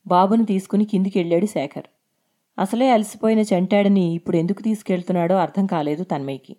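A woman reading a story aloud in a steady, expressive narrating voice. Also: mid-range voice, fast.

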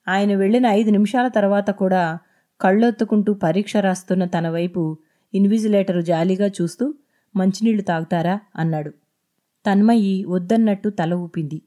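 A woman narrates an episode of her serialized novel in a calm, measured way. Her voice is mellow and dark. The delivery is even and unhurried. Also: medium pitch. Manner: steady, measured storytelling. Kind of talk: audiobook narration. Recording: echoey intro over music.

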